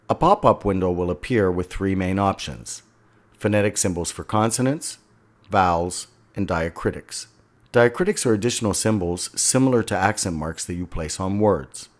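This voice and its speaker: Low-voiced man narrating a software tutorial. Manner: step-by-step, instructional. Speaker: instructor.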